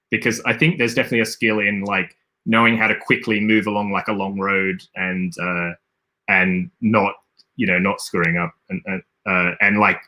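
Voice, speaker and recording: A man's voice: fairly low pitch, sharp tone. An Australian man casually commentating a livestream while he plays, rambling and thinking aloud with frequent self-corrections. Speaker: game design streamer.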